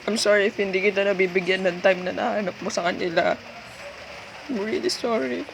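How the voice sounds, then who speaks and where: Tearful and apologetic, a woman with a Filipino accent pleads haltingly and tenderly as a heartbroken long-time girlfriend giving up her partner for his sake. Her natural, medium-pitched voice keeps fairly even intonation throughout this intimate one-sided ASMR girlfriend roleplay. Background noise is clearly present.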